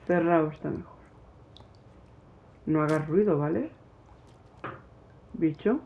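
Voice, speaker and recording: A man's voice: fairly high pitch, slow pace, creaky, phone-quality sound, slight background noise. A man with a Spain Spanish accent doing let's play commentary, talking to his game character and nervously pleading. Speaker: gaming youtuber.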